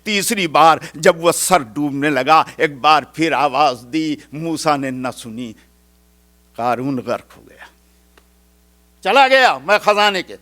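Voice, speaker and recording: A man delivers a storytelling sermon in a mosque. His voice sits high and sounds bright and forceful. He moves from impassioned cries to hushed, pleading appeals. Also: animated. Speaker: preacher.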